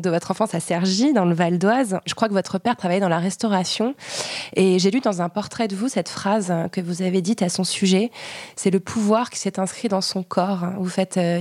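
A woman hosting a podcast interview, asking measured, gently probing questions. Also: medium pitch, no echo, studio quality. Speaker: podcast host.

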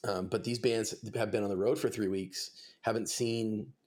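A man in his twenties who tours as a musician speaks at a moderate pace in a lowish, slightly mellow voice with a steady tone. Chatting casually for a podcast, he swears freely and rambles through stories packed with fillers.

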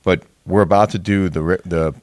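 American man, low voice, casual show co-host, easy banter, meeting room mic, fairly dry sound. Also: steady tone, normal speed, darkish tone, no room sound. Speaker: co-host of a daily video show. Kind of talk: casual chat. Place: hotel conference room.

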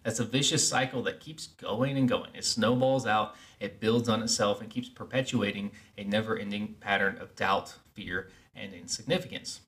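A man's voice: fairly low pitch, normal speed, hardly any pauses, a bit bright. A man hosting a podcast, giving an earnest, explanatory self-help monologue. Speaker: podcast host.

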